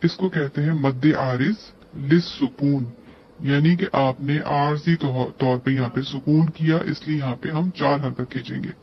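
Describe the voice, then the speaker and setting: A man's voice: fairly high pitch, fairly even intonation, normal speed, slight background noise. A man teaching tajweed, breaking words into letters and drawing out the recited syllables between plain explanations. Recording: dull lo-fi recording.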